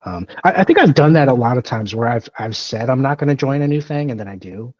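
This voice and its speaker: A man's voice: mid-range voice, expressive, fast talker, dry recording. Rambling man in his thirties, dry lo-fi mic. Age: 30s. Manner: rambling, self-deprecating, many fillers and restarts. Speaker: podcast co-host. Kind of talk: casual chat.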